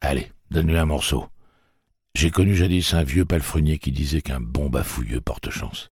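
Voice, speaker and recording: A man voicing a calm, weathered adult gunslinger who speaks in a knowing way. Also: rumbling low, moderate pace, husky, no room sound, studio quality.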